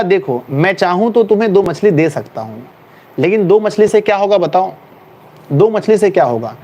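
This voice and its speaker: A male math teacher with a high, bright voice, lecturing a class in a lively, teasing way. Faint background noise and the odd passing vehicle can be heard behind him. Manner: lively, calls students "my child", teasing scolding.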